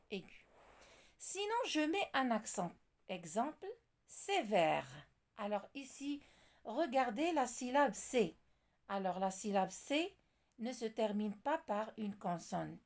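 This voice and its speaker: A woman teaching French walks through examples slowly and deliberately. Her fairly high voice rises and falls a lot, with a gravelly edge at the ends of phrases. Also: darkish tone. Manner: slow, deliberate, spells out examples. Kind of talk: classroom lesson explanation.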